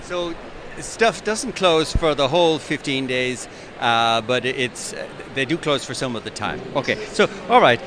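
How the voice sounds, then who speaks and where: A man's voice: mid-range voice, animated, a little slow, background noise. A man hosting a podcast interview at an exhibition stand, chatting and asking short prompting questions. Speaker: podcast host. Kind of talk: casual interview. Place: busy exhibition hall stand.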